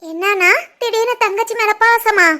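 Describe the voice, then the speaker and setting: A woman's voice: very high-pitched, moderate pace, sharp tone. A woman voicing a cheeky, playful young sister who teases her brother, with a Kanyakumari Tamil accent, in a cartoon family drama. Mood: teasing. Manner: playful, teasing.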